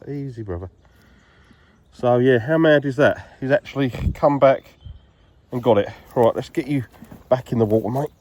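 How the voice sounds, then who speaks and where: A man's voice: medium pitch, a little mellow. A British man with a congested, stuffy nose from a cold, chatting casually and thinking aloud as he films himself fishing. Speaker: angler filming a fishing vlog. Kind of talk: casual chat to camera while fishing. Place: outdoors by the water.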